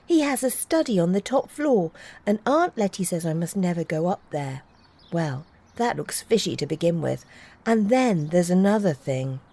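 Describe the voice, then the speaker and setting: Miserable young boy, earnest and worked up, mellow tone, as a woman reading puts him on. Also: fairly low pitch, very animated, moderate pace. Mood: confiding. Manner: earnest and wound up. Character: unhappy, grubby young boy.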